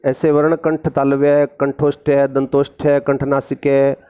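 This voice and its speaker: A man's voice: mid-range voice, monotone, moderate pace, clean tone, phone-quality sound. A man teaching a recorded Hindi grammar lesson, reading a textbook line and then explaining it in plain everyday words, with a Rajasthani Hindi accent.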